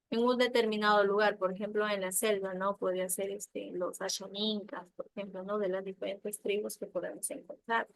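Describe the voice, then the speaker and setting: A woman from Peru with a Peruvian accent teaching an online class, explaining step by step and often checking with quick tag questions. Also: medium pitch, a bit bright, no echo. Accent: Peruvian Spanish.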